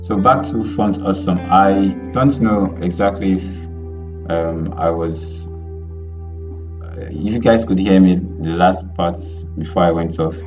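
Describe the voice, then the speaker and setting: A male web development instructor teaching a live online lesson over a group voice call, talking in a halting way with many fillers and restarts. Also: low voice, darkish tone, muffled recording, soft background music. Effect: heard over an online group voice call.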